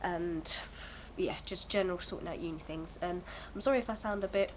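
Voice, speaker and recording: A young woman in her early twenties, bunged up with a cold, chats to her vlog camera at home in a rambling, hesitant way full of fillers. Her voice is lowish and fairly quick, and the rough recording carries slight background noise.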